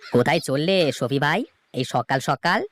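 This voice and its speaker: A man's voice: fairly high pitch, normal speed, fairly bright tone, slight background noise, close to an everyday voice. A man doing an eager village neighbor. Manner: eager, agreeable.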